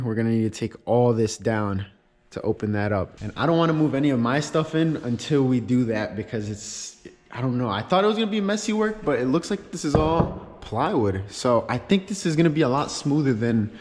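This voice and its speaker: Man vlogging in a heavily echoing space. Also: medium pitch. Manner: excited, rambling, slangy. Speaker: YouTube car-channel host. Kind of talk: casual vlog walkthrough. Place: large, echoey indoor garage workshop. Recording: very echoey, reverberant empty workshop.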